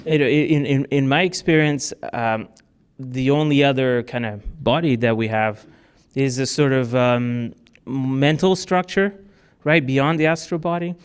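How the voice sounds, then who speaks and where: A man from Portugal gives a talk in a club meeting room, answering audience questions casually with many fillers and restarts. His smooth voice sits at medium pitch, and he speaks unhurriedly.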